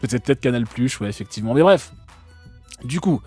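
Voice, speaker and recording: A man's voice: medium pitch, expressive, fairly quick, darkish tone, slightly rough, soft background music. A man from France hosting a live stream, talking casually and sarcastically with many fillers and restarts.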